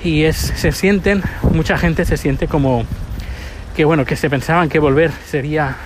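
Spanish guy chatting away while walking, kinda high voice, restarts a lot, traffic noise around him. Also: normal speed. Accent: Spain Spanish. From Spain. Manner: chatty, rambling, with frequent restarts. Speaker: podcast host. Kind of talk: casual spoken diary. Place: outdoors on a city street, walking.

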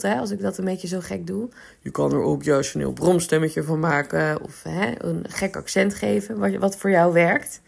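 Chatty woman with a gravelly edge. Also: medium pitch. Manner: chatty, laughs often, many fillers. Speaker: coach. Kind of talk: podcast advice talk.

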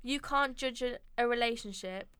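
Young woman, casual chat, higher pitch, teasing and laughing. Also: normal speed, smooth, dry recording. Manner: teasing, expressive, laughs often.

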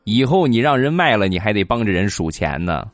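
A man's voice: fairly low pitch, very animated, brisk, no room sound, clean studio sound, soft background music. A man telling comic anecdotes about children and puts on their voices in the quotes. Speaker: comedic storyteller. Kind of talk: comic monologue of kids' anecdotes.

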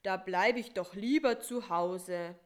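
A woman voicing a sleepy, timid male spider who answers in a slow, know-it-all way. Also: medium pitch, close to an everyday voice.

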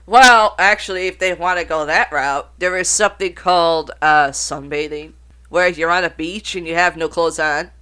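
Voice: medium pitch, steady tone, unhurried, pushed and bright, clean tone. A podcast host reading out notes on banned songs, breaking off to swear and joke in casual, uncensored talk. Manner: reads out notes, then swears and riffs.

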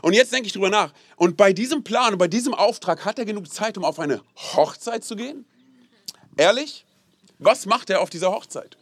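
Young male pastor, casual animated sermon, slightly high voice, dry close sound. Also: normal speed, dry recording. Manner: casual, animated, peppered with "hey" and "so, ne?"; has the audience repeat phrases aloud. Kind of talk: lively sermon.

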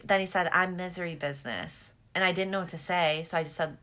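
Her voice is lowish and fairly bright, with fairly even intonation and a quick pace. A young woman with a slight lisp, she co-hosts a podcast full of casual gossip and storytelling, giggly, candid, sweary and prone to oversharing.

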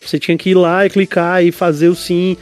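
High-voiced animated man chatting. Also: a little fast, soft background music. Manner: animated, opinionated, rambling. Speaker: podcast co-host. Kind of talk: casual podcast chat.

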